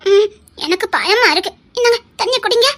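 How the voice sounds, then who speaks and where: A woman's voice: extremely high pitch, a little fast, fairly bright tone. A woman with a Tirunelveli accent playing a young lover who fusses over him and scolds him tenderly. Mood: fussing, doting. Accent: Tirunelveli Tamil. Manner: scolding, fussing, affectionate. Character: young woman Anandhi, doting and fussy lover. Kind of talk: web series drama.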